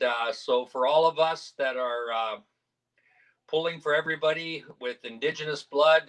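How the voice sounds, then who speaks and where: Joking rambly guy from saskatchewan on a phone video call, bright kinda high voice. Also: poor audio. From Saskatchewan, Canada. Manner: jovial, self-deprecating, rambling. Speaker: guest performer. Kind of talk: casual storytelling.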